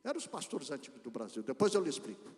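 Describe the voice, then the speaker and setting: A man from Brazil with a Brazilian accent, preaching a storytelling sermon and speaking directly to the congregation in an animated way. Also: medium pitch, fast. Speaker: pastor. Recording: reverberant church hall.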